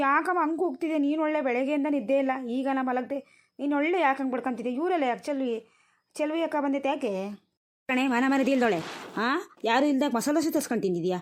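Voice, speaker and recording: A woman voicing a tired, sharp-tongued village grandmother in a cartoon, nagging and scolding. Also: high-pitched, natural voice. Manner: nagging, scolding rural speech. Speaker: grandmother tending a newborn.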